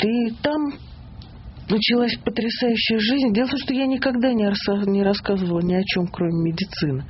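A woman's voice: low-pitched, a little hiss or hum. Confident woman storyteller, slightly muffled audio. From Kemerovo region, Russia. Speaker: interview guest, TV presenter. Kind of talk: relaxed storytelling in an interview.

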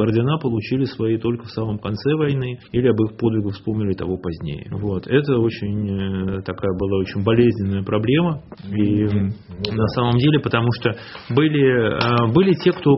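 A man's voice: mid-range voice, brisk. A man speaking as a historian guest in a radio interview, explaining earnestly in long, building sentences. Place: radio studio. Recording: dull lo-fi radio, faint hiss.

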